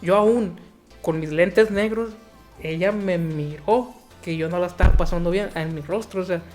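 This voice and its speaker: Friendly host, chatty storyteller, faint music behind. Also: male voice, high-pitched, moderate pace, a little mellow. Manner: friendly, chatty, says "men" and "fíjate". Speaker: podcast host. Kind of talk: casual interview talk.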